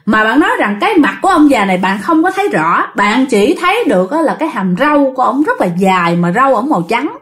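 A woman telling a ghost story in a chatty way, talking straight to her listeners. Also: on the high side. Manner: chatty, addresses listeners directly. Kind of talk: casual ghost story narration.

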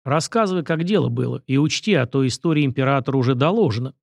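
A man's voice: medium pitch, quick pace, vocal fry, no echo, natural voice. A man voicing an old prince, a grandfather who speaks in a dry, knowing, admonishing way. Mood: wry.

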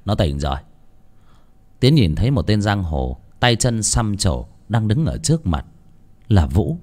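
A man narrating a serialized novel in an expressive, dramatic storytelling manner. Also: on the low side. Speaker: audiobook narrator. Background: faint background music.

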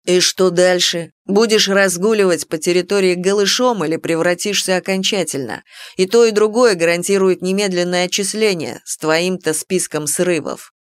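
A cool young werewolf in an audiobook, sardonic and unhurried, put on by a woman reader. He drops below her usual pitch and takes his time, menacing without raising his voice, in a dry, close recording. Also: clear, resonant tone, no echo. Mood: cold. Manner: calm, unhurried, quietly menacing.

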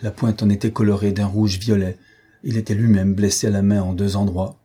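Brief: male audiobook narrator, low, mellow and husky, steady literary reading. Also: brisk.

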